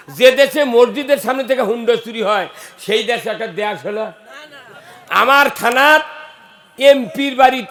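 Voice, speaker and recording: Fiery high-voiced preacher man. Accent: North Bengal Bangla. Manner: fiery, shouting, questions the crowd. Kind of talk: sermon.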